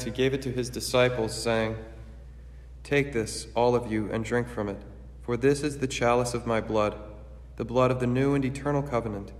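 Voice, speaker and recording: A priest celebrating Mass, reciting the liturgy in a steady, measured way, his voice ringing with a cathedral echo. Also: mid-range voice. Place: large church. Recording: echoey church with long reverb.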